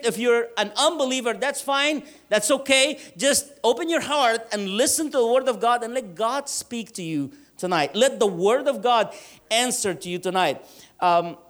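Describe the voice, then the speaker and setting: A man's voice: very high-pitched, fairly bright tone. Man preaching a sermon. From Egypt. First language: Arabic. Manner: earnest, emphatic with slow drawn-out stresses. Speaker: pastor.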